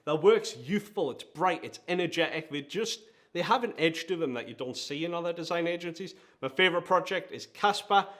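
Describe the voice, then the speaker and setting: A little fast and a little high, this man's voice is fairly bright, with lively intonation. He hosts a countdown-style vlog with a Geordie accent, speaking with eager emphasis. He runs a design agency he founded.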